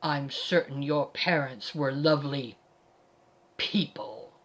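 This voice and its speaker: A woman voicing a haughty, self-righteous male paladin who speaks slowly and coldly. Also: fairly high pitch, a bit bright, pitched below the performer's own voice. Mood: icy.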